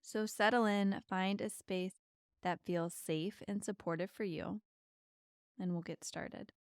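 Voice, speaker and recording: A woman hosting a guided mindfulness meditation, speaking in a soft, soothing, unhurried way with long pauses. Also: medium pitch, steady tone, smooth, no room sound, studio quality. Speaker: podcast host and meditation guide.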